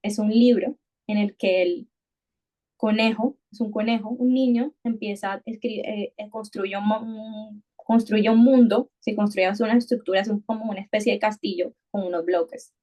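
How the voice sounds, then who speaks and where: A woman speaks in a middle pitch on a conversational podcast. She sounds reflective and searching. She circles back on words and restarts phrases while thinking aloud. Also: steady tone, normal speed, dark tone. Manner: thoughtful, many restarts and repetitions.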